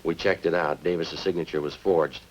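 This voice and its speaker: This actor voices a methodical police sergeant in a 1950s radio crime drama, speaking in a very deep voice at a moderate pace with fairly even intonation. His manner is clipped, understated and matter-of-fact, heard through a noisy old-time radio recording.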